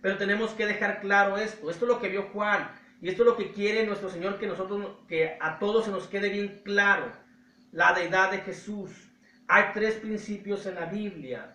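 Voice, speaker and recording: A Mexican man teaching a Bible study, emphatic and slowing down to stress key words. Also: high voice, bright, forceful tone, distant mic. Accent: Mexican Spanish. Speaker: preacher. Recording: roomy echo, voice from off-mic.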